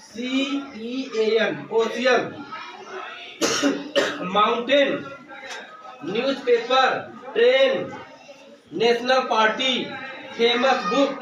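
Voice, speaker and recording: High-voiced male teacher in an echoey classroom. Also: dull audio. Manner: asks questions and answers them himself; addresses students as beta. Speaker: school English teacher. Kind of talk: classroom grammar lesson. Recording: echoey room from far off, noisy.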